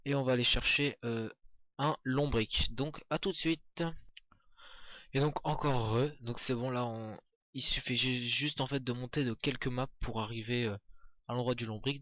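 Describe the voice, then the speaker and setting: A man's voice: medium pitch, fairly even intonation, moderate pace, a bit bright, no room sound. Chatty man narrating a game walkthrough. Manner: chatty, hesitant, many fillers and restarts. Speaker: gameplay commentator. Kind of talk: casual gameplay walkthrough commentary.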